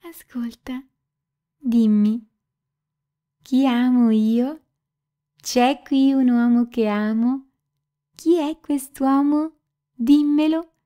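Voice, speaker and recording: Passionate young woman in tears, pleading, emotional, mellow higher voice, as a female audiobook reader puts her on. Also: moderate pace. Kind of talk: dramatic audiobook reading.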